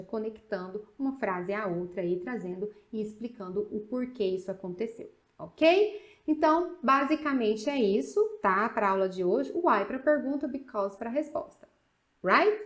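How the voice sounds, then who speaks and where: A woman with a Brazilian accent teaching an English video lesson, chatty, and slowing down to pronounce English examples. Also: fairly high pitch.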